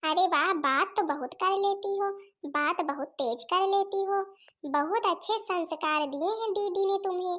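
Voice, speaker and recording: A woman's voice: very high voice, a little slow, fairly bright tone. A woman voicing a scheming young aunt by marriage in a cartoon, scolding and sarcastic, with an Awadhi accent. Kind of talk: cartoon voice acting.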